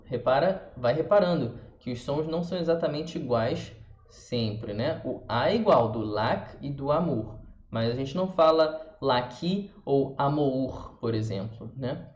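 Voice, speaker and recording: A man with a Brazilian Portuguese accent teaching a pronunciation lesson, demonstrating sounds slowly and repeating them for the viewer. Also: a little high, darkish tone. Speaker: language teacher. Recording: roomy, dull lo-fi sound.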